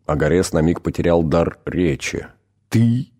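A man narrating an audiobook in a measured, dramatic reading. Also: low voice, warm tone. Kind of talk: scripted narration.

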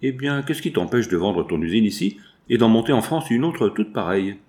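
A man's voice: on the low side, lively intonation, a little fast, darkish tone, natural voice. A man reading aloud and voicing a willful, impetuous eighteen-year-old girl who pleads insistently.

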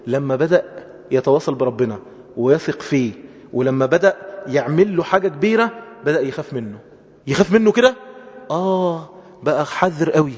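Man, Egyptian accent, sermon, emphatic, fairly high pitch, long hall reverb. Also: brisk, slightly rough. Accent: Egyptian Arabic. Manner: emphatic preaching, rising to high exclamations. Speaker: preacher.

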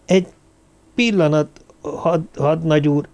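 A man's voice: a little high, a little mellow, voice pushed up, lightly acted. A man reading aloud and voicing a frightened, tearful young woman who stammers timidly. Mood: shaky.

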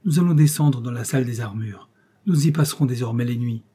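A man voicing a gruff, hard-drinking old general who barks and curses orders at his servant, in a storybook reading. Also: mid-range voice, fairly quick, mellow, lightly acted. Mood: gruff barking. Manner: barking, cursing orders.

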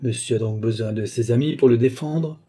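A man's voice: mid-range voice, a little fast, mellow, husky, close to an everyday voice. A man voicing a threatening, sneering male passenger looking for a fight, in a storybook reading. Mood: menacing.

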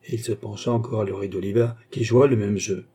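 A man narrating an audiobook in a measured, even reading. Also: fairly low pitch, breathy edge.

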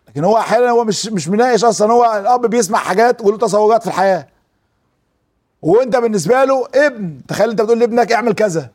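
A man speaking with an Egyptian Arabic accent, giving a religious lesson to an audience and acting out quoted speech as he tells stories. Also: sits high. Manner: animated storyteller who acts out quoted speech. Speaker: preacher.

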